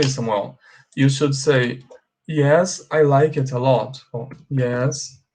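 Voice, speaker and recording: A man with a Brazilian Portuguese accent teaching English grammar, asking and answering his own questions and drilling example sentences slowly. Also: medium pitch, a little mellow. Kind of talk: bilingual grammar lesson.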